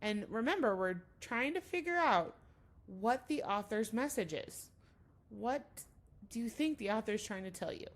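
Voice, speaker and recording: This teacher's voice sits on the high side and moves a little slowly. She reads a children's storybook with lively expression, turning to the kids with questions and explanations along the way.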